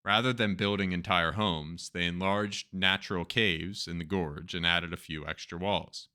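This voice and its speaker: A man's voice: low voice, steady tone, normal speed, bright, forceful tone, clear, resonant tone. A man with a Turkish accent who hosts a show, reading news stories aloud and adding chatty, joking asides. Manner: reads text then adds chatty, joking asides. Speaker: host.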